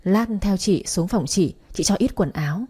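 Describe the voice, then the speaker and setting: A woman voicing a young pregnant woman who chats warmly, then wails and accuses in panic. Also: medium pitch, animated, moderate pace, slightly rough. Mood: friendly chatty.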